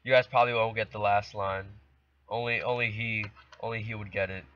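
Speaking fairly quickly with a steady tone, a teenage boy hosts let's play commentary for his gaming channel from his bedroom, good-naturedly trash-talking opponents. His male voice is fairly low in pitch and a bit bright, recorded at home in a dull, lo-fi, dry way.

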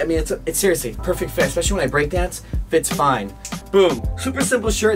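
A young man with a high voice talks to his viewers in a casual vlog style. His delivery is slangy and chummy, recorded by a camera a few feet away in a small room at home, with music clearly behind him. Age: young adult. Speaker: vlogger. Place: small home rooms, indoors.

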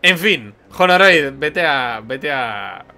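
A man from giving joking, loud commentary while streaming a game. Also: mid-range voice, lively intonation, takes it slowly, vocal fry, faint music behind. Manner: joking, loud, laughing asides over cutscenes. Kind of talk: casual gaming commentary.

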